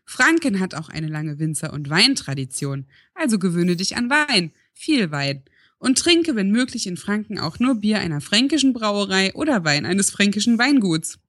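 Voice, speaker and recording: A woman's voice: mid-range voice, big pitch swings, moderate pace, a bit bright, no echo. A woman co-hosting a podcast in casual chat, reading rules aloud with amused dry asides and frequent laughs. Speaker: podcast co-host.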